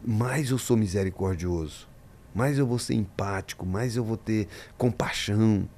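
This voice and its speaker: A man's voice: lowish voice, unhurried, darkish tone. A man, a pastor, talking in a podcast interview, preaching-style and emphatic, acting out the voices in his stories.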